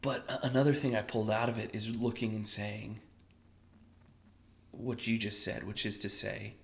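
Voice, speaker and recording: A male podcast co-host with a creaky, lowish voice keeps a level tone and moderate pace while telling a story. He's casual and self-mocking, now and then whispering for effect.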